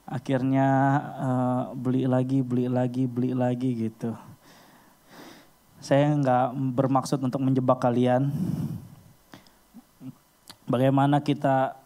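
A man giving a casual storytelling sermon, acting out little scenes with sudden leaps in pitch. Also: slow pace, long pauses. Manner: animated, acts out little scenes with sudden high jumps in pitch.

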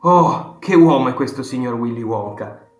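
A man voicing an excited ninety-six-year-old grandfather who tells stories with eager, emphatic exclamations, in a roomy audiobook recording with faint guitar music. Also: mid-range voice, moderate pace, pitched above the performer's own voice. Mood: enthusiastic.

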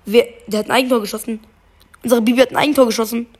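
A young woman chatting casually while playing a game, excitable and slangy, cursing when things go wrong. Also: on the high side, rapid-fire, breathy edge. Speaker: gamer. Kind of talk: casual gaming chat. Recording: faint background noise.

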